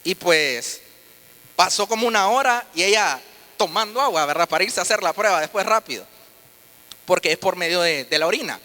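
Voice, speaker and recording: Bright high-voiced man giving testimony. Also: expressive, a little fast. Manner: earnest storytelling with frequent restarts. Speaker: testimony speaker. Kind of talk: personal faith testimony. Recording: reverberant hall.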